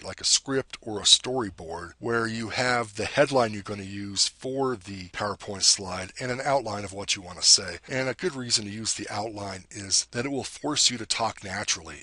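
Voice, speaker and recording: A deep-voiced man gives a screen-recorded software tutorial, plainly explaining each step and occasionally correcting himself. His voice is slightly rough, and there is no echo.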